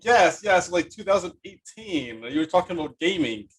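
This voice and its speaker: A man hosts a podcast, interviewing in a casual, eager and effusive chatty style. His voice is high and very animated, and he speaks at a moderate pace.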